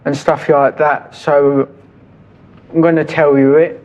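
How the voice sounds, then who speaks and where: A man introducing and reciting his own poem, hesitant at first and then measured. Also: a little high, little pitch movement, darkish tone, lo-fi sound. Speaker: audience member reciting a poem.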